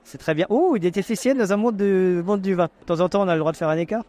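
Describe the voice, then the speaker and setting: A man's voice: sits high, fast, darkish tone. A man hosting a podcast, chatting and teasing guests in casual interviews at an outdoor wine tasting. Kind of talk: casual vox-pop interview.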